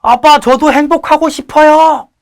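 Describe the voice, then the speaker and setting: A man's voice: very high-pitched, fairly even intonation, normal speed, a little hiss or hum, pitched above the performer's own voice. A man voicing his school-age son, a cheerful, wheedling boy who calls his dad on the phone. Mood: pleading.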